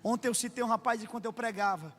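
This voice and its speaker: A man preaching with a Brazilian accent, his voice high and ringing bright. He acts out the voices in his stories and builds to impassioned shouts. The sound carries a long church reverb with faint music underneath. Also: fast talker. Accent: Brazilian Portuguese. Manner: acts out dialogue in anecdotes. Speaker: pastor. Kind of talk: sermon. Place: church sanctuary.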